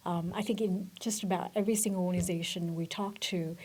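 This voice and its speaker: A middle-aged Vietnamese woman, a benefits director appearing as a guest in a business interview, speaks from a corporate office. Her fairly low, steady, slightly mellow voice moves fast with a breathy edge, and she talks thoughtfully with frequent fillers and restarts.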